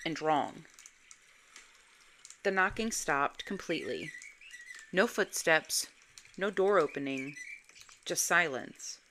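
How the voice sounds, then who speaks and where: A woman narrating a first-person ghost story in a measured, suspenseful way. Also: fairly low pitch, pushed and bright, slight background noise. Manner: slow, measured, suspenseful delivery.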